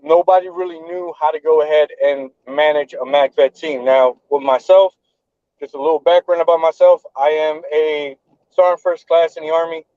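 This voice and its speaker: A man in his thirties hosts a podcast over a remote call, earnest and prone to repeating himself as he builds a point. His voice sits a little high. The audio is dull and dry. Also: steady tone, moderate pace, dark tone, smooth, no room sound. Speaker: podcast host and event organizer. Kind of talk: casual chat.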